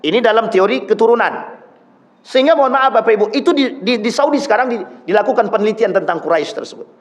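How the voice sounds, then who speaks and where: A man's voice: sits high, quick pace. A male preacher giving a sermon, speaking straight to his congregation and acting out the people he quotes. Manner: addresses the congregation directly, acts out quoted voices.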